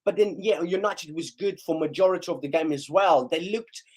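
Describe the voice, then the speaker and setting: A little fast and fairly high in pitch, this young man hosts a live football reaction stream. Losing his voice has left him hoarse, but he stays excitable and calls on viewers to like and share.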